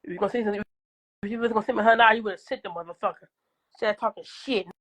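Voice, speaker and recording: A woman's voice: mid-range voice, racing, fairly bright tone. Combative coughing woman ranting on a livestream. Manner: combative, profane, talking back to viewers. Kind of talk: casual livestream rant.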